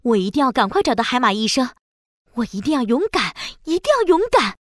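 A woman voicing a brave, frantic mermaid mother in a children's audio story, speaking high and urgent. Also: big pitch swings, fast talker, no echo, clean studio sound. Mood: determined.

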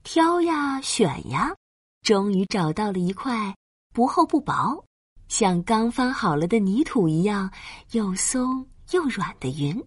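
A woman narrating a bedtime story for small children in a gentle, breathy, dramatized way with drawn-out phrasing. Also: mid-range voice, very animated, no room sound, studio quality.

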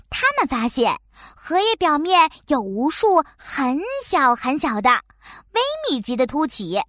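A small, eager frog from a children's science cartoon. The frog voice is very high and bright, dotted with croaks, and recorded very dry. It explains things in a friendly, patient, little-teacher manner with lively swings in pitch. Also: female voice, no room sound, full character voice. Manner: frog voice, punctuating talk with croaks.

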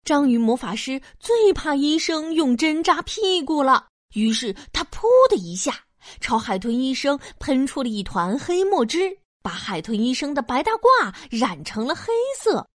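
A woman narrating a scripted children's story in an expressive storytelling manner. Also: high voice, normal speed, no room sound, clean studio sound.

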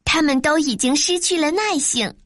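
A woman narrating a children's storybook with a clear, expressive reading. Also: high voice, normal speed, no room sound, clean studio sound.

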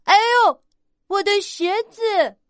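A woman voices a bear cub in a storybook, using a high, childlike voice that is impatient, whiny, and excited, longing to grow up. Her expressive delivery is slow and drawn out, recorded in a dry, close sound with no echo.

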